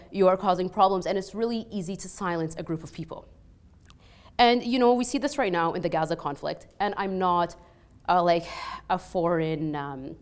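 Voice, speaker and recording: Her voice runs on the low side as she tells personal stories on a panel: she's an Egyptian woman in her thirties who owns a restaurant and works as a peace scholar. Her accent sounds mostly Canadian, with a slight Egyptian Arabic edge. Chatty and animated, she fills her speech with "like" and "you know" and acts out the dialogue she recounts.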